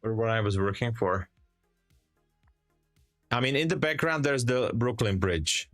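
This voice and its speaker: Streaming live trades from his home trading room, a young Hungarian man speaks with a Hungarian accent in an animated, mid-range, fairly bright voice, a little slow. He laughs a lot and restarts sentences while reading viewer chat. The headset recording is dry and clean, studio-like, with gentle background music.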